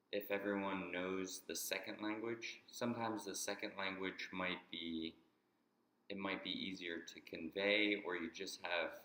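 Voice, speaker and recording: Working through an explanation, this native English-speaking man stops, restarts, and repeats words. His low voice carries a bright, forceful tone, and the space around him rings with echo.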